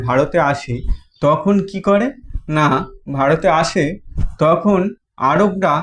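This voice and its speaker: A man's voice: high-pitched, slight background noise. A man with a Bengali accent teaching a history lesson, asking questions and answering them himself, with many repeats and restarts. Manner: halting, restarts phrases.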